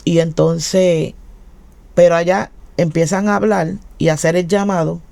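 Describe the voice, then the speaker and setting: A Puerto Rican woman recounts her testimony in a lively, storytelling way, acting out each quoted line. Her voice carries a gravelly, creaky texture. The recording is close and dry, with no room sound. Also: lowish voice, measured pace, no echo. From Puerto Rico. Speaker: guest giving testimony. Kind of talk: casual spoken testimony.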